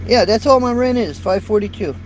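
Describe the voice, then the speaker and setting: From the cab of his parked truck, a man in his fifties rambles to live viewers in a casual, folksy manner, repeating words as he goes. The trucker's light voice sits high, animated and brisk. Recorded on a built-in phone or camera mic, the audio is rough, with faint traffic and road noise.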